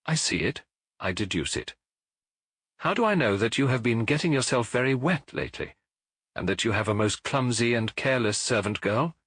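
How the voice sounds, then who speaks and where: A man's voice: mid-range voice, lively intonation, moderate pace, a bit bright, breathy edge, no echo, clean studio sound. A man voicing a brilliant, aloof detective in an audiobook, precise and self-assured, with clipped delivery and cool amusement. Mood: smugly confident.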